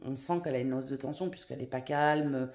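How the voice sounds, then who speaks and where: A woman's voice: rumbling low, fairly even intonation, fast talker, darkish tone. A woman vlogging at home in casual chat, rambling with many fillers and restarts. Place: at home, indoors. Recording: echoey room.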